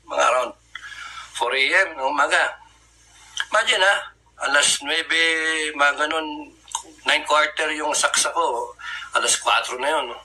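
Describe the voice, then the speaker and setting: A man's voice: mid-range voice, background noise. A man from the Philippines casually recounting a survival story, chatty, laughing at his own tale and acting out the lines of the people in it.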